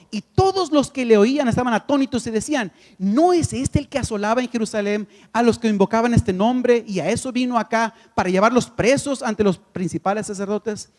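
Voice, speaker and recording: A man's voice: very high voice, a little mellow, in a large hall. A man giving a Bible lecture at a conference, emphatic, asking the audience questions and answering them himself. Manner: emphatic, repeats key phrases. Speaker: conference speaker.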